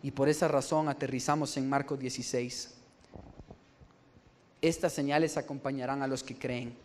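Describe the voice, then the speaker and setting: A man's voice: medium pitch, fairly even intonation, moderate pace, a little hiss or hum. A man preaching a sermon, telling stories with humor and laughing along the way. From El Salvador.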